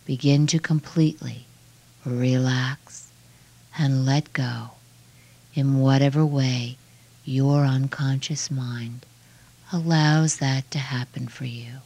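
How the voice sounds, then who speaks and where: A woman guiding a relaxation meditation in a soft, hushed, soothing voice with measured phrases that trail off breathily. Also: very deep voice, steady tone. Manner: slow, measured phrases with long pauses. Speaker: relaxation guide.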